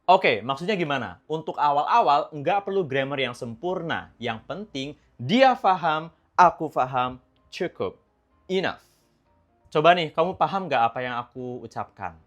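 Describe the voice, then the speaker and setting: A woman's voice: low-pitched, expressive, a little slow, soft background music. A young woman giving casual, chatty, encouraging English-learning tips in a vlog. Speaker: English tutor vlogger.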